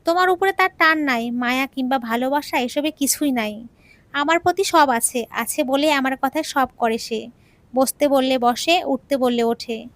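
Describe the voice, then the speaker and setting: A woman's voice: sits high, normal speed, dry recording, natural voice. A woman voicing a smug, scheming young woman who taunts and orders around her rival in an audio story. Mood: taunting. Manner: taunting, mocking, commanding.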